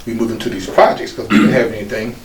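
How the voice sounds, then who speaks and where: An American man in his fifties shares his life story with an office crowd, animated and quick to act out the people in it. His voice rings through an echoey room and sits a little away from the mic. A faint room hum runs under it. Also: lowish voice, far from the mic. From United States. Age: 50s. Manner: animated storytelling, with laughs and acted-out quotes. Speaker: guest speaker, former pro football player. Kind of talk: personal life story told to an audience.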